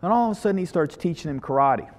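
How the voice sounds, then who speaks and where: A man with a fairly high voice leads a Bible study in a loose, storytelling sermon style. He retells a story with lively energy and keeps doubling back on his words. His voice carries a long reverb, as in a large hall. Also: very fast. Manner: animated retelling with frequent repeats.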